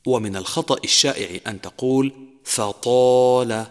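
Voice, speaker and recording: A man's voice: mid-range voice, animated. A man giving a scripted tajweed lesson, listing points in order and drawing out sung example words. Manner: measured, numbered points, slowed sung examples. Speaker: Quran recitation teacher. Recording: long reverb, echoey.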